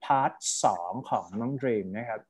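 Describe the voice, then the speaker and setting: A man's voice: medium pitch, a little fast, a little mellow. A man with a Thai accent, an English speaking tutor giving chatty feedback and explaining with examples. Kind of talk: casual coaching feedback.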